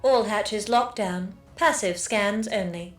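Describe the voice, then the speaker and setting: A woman voicing a stern female ship security computer that gives flat, measured status reports. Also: mid-range voice, roomy sound, faint music behind, close to an everyday voice. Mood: stern clipped.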